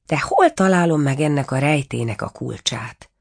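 An excitable caliph turned stork, eager and exclaiming, as a woman reading the tale puts him on. The voice rises above her low plain tone. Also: vocal fry, full character voice. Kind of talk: storybook reading.

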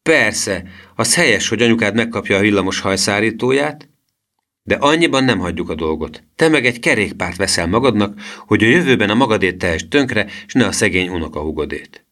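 A man voicing a sharp-tongued, mocking little girl in an audiobook reading. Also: lowish voice, animated, voice pushed up.

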